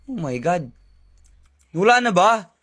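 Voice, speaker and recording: A young man giving loud, excited commentary on his game. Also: high voice, slow. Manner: loud, hyped, shouting. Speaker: gaming video creator.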